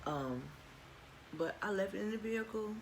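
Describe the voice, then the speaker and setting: A woman's voice: medium pitch, expressive, normal speed. A woman doing mukbang eating, chatting in a folksy way to viewers between bites with appreciative mmm sounds. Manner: folksy, addresses viewers as y'all. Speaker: mukbang vlogger. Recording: clearly noisy background.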